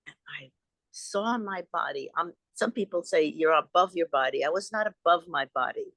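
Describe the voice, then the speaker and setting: A woman's voice: lowish voice, lively intonation, normal speed, fairly bright tone, no room sound. An older woman from Long Island, a guest and author recounting personal experiences in an earnest, rambling way over a video call. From Long Island, New York. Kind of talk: storytelling in an interview.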